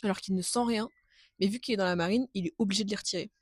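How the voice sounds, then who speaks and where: Young female co-host, very quick, slangy and teasing, dry close sound. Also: medium pitch, breathy edge, no room sound. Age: young adult. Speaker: podcast co-host. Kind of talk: casual chat.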